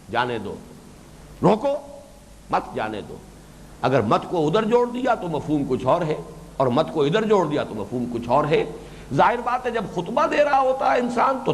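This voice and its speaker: An older man lectures as a Quran teacher, his pitch lifting and falling with lively emphasis. He explains patiently and slows down to recite verses. A faint hiss of background noise sits under his voice. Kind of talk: religious lecture.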